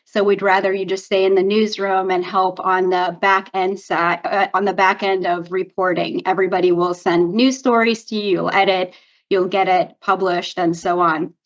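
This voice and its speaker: A middle-aged native Romanian speaker from Romania, a PR agency founder, tells her story in an upbeat way as a guest answering questions in a video-call interview. Her medium-pitched voice holds a steady tone at a moderate pace, and the lo-fi audio sounds slightly dull.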